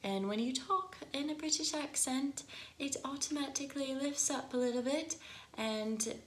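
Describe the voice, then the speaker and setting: A singing teacher from the northern United States, with an Upper Midwest accent and a nasal voice, talks casually to the camera and laughs easily. Her voice sits high and a bit bright, at a moderate pace, in an echoey room.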